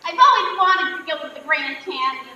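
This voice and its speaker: Lady doing a folksy forgetful old grandma onstage, super high bright voice, echoey room. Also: expressive, fairly quick, dull audio, slight background noise, exaggerated voice. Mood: wistful. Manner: folksy, wistful. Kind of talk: comic stage play acting. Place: theatre stage. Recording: roomy theatre stage sound.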